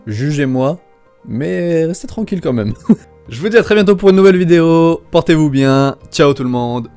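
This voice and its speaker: A man's voice: on the high side, expressive, normal speed, darkish tone, faint music behind. A man presenting casually to his viewers as an amateur YouTuber, with a self-deprecating, jokey manner.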